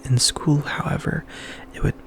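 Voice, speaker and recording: A man reading a novel aloud as ASMR in a breathy, intimate whisper, very close, as if right in the listener's ear. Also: normal speed, a bit bright, a little hiss or hum, rough recording.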